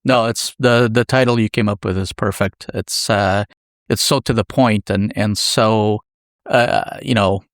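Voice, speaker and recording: A man hosting a podcast interview, asking measured and friendly questions. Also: fairly low pitch, steady tone, dry recording, clean studio sound. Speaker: podcast host.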